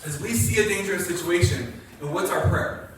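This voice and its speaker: Male pastor, conversational sermon, slightly high voice, picked up from afar in a booming hall. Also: fairly quick. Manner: conversational, acts out quotes, asks the congregation. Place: church sanctuary. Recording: echoey church hall from a distance, faint noise.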